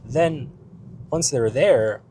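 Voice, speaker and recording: Sick and losing his voice, a man vlogs about business from his car in an extremely slow, mellow, mid-range voice with a bit of hiss or hum. His talk is casual and rambling, full of fillers and asides, and he repeatedly asks "right?"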